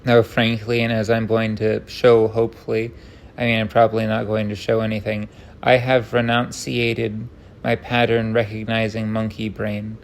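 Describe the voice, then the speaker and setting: A man's voice: lowish voice, completely flat delivery, normal speed, creaky, slight background noise. A man rambling through an unscripted, tangent-prone rant, stopping and restarting himself, with wry self-deprecating humor.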